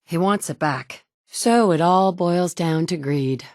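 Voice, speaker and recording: An actress in her thirties speaks slowly in a fairly low, darkish voice as a tough, wry survivor, the player character of a video game. Her tone is blunt and matter-of-fact, and the studio-mic recording from the booth is dry.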